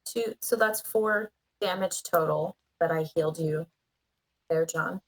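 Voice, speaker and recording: A woman playing a tabletop game in casual chat, easygoing and quick to laugh. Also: lowish voice, poor audio. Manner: easygoing, laughs often, hesitant fillers. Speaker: player.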